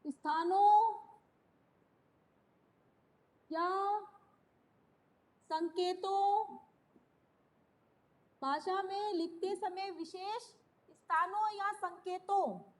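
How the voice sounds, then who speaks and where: A woman teaching a class, speaking slowly, repeating key phrases and quizzing her students. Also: very high-pitched, steady tone. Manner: slow, repeats key phrases and asks questions. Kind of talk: classroom lesson.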